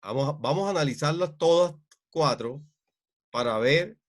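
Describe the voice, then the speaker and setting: A man teaching an online grammar class, speaking in a halting way with many fillers and repeated checks for understanding. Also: on the high side, expressive.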